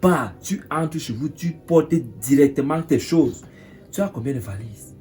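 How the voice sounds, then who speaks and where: An actor with a Cameroonian French accent playing a smooth-talking older man courting a young girl, with a wheedling, coaxing manner. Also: a little high, expressive, measured pace, mellow, soft background music.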